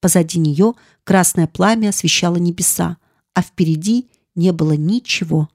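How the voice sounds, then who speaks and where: A woman's voice: on the low side, a little mellow, dry recording. Woman narrating an audiobook, dry close sound. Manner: measured, dramatic storytelling. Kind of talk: scripted narration.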